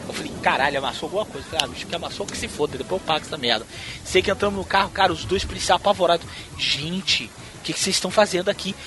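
A man from Brazil telling a wild story in a casual, profane and animated way, acting out what people said. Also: high voice, background noise. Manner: profane, animated storyteller who acts out quotes. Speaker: podcast host.

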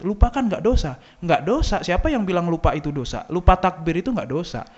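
A man teaching an Islamic lesson to a congregation, lively and conversational, posing questions and answering them himself. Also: high-pitched. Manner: lively, asks and answers his own questions, addresses listeners as "Pak". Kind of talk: religious lecture to a congregation. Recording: dull lo-fi sound.

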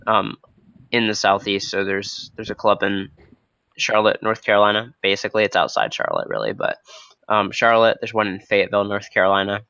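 Croaky young man with a cold, hosting a podcast. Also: on the low side, brisk, pushed and bright, dry recording. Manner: hesitant, loosely unscripted. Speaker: podcast host. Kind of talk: casual, spontaneous podcast talk. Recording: dull, lo-fi close recording.

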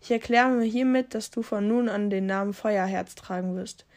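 A woman's voice: mid-range voice, moderate pace, a little mellow, natural voice. A mighty tomcat who leads his clan, speaking in a solemn, ceremonial tone, as a woman reading a storybook puts him on. He announces things to the whole clan. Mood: proud. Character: mighty male cat clan leader, proud.

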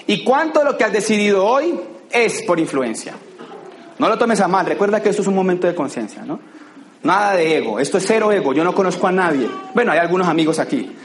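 A Colombian man giving an animated motivational talk to a live audience, acting out scenes with sound effects. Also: high-pitched, echoey room, a little hiss or hum. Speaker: motivational speaker.

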